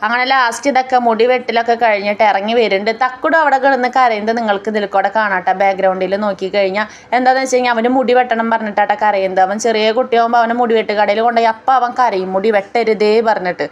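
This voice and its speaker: A woman from the tells her family's day in a chatty voice-over. She talks quickly and her voice sits a little high. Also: muffled recording. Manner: chatty, tells the story step by step. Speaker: family vlogger. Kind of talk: casual voice-over narration.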